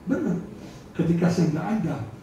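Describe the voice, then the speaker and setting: A middle-aged man preaching a sermon as pastor, humorous and animated, acting out quotes. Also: a little high, normal speed, dull audio, slight background noise. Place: church hall. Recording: echoey room from far off.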